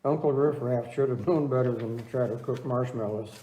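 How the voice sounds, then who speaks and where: A man's voice: medium pitch, fairly quick, warm tone, close to an everyday voice. A man playing a teasing, folksy older husband in an amateur comedy talk-show skit. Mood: wry, teasing. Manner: folksy, reasoning retorts. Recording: echoey room, distant mic.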